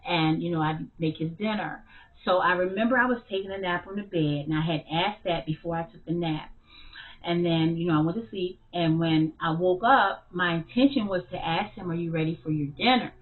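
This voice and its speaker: A woman telling her story of spiritual struggle in a halting, hesitant way, full of fillers and restarts. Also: on the low side. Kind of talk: personal spiritual testimony. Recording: tinny phone-like sound.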